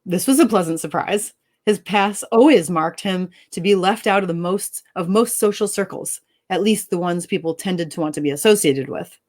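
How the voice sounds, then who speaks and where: A woman author reading her own story aloud and then chatting with her co-host, expressive and upbeat and quick to laugh. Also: lowish voice. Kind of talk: dramatic story reading and casual chat.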